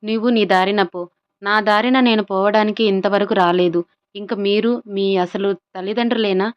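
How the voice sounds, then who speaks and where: A woman reading a story aloud, voicing a furious young man who shouts insults at a rival. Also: mid-range voice, fairly even intonation, moderate pace, dull audio, natural voice. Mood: angry.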